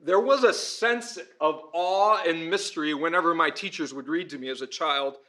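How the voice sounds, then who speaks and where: A pastor, schoolteacher and conference speaker gives an earnest, informal lecture with audience questions, often checking in with a quick "right?". His voice is fairly high with a sharp tone. He speaks before an audience in an echoey room at a church and school.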